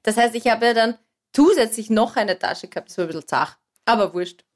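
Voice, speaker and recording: A talkative woman with an Austrian accent, laughing her way through a joke in casual studio banter. Her voice sits a little high. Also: fairly quick. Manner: laughs often, nervous and chatty. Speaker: radio show regular.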